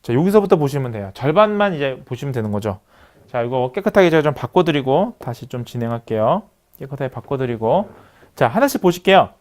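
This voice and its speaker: A man's voice: mid-range voice, very animated, a little fast, darkish tone. A middle-aged male lecturer explaining step by step while writing on screen, with many filler words. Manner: writes on screen while talking. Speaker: university lecturer. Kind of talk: recorded online lecture.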